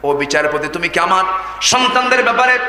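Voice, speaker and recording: Preacher playing a dignified, indignant ruler; earnest, bright, reverberant. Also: male voice, high voice, animated, a little fast, heavily acted. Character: dignified male caliph, wronged and indignant.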